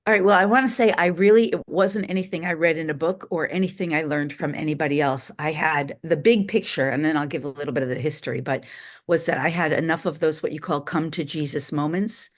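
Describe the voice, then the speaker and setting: Low-pitched middle-aged woman from new york, spiritual teacher, tells her story candid and lively. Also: fast. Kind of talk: personal storytelling in an interview.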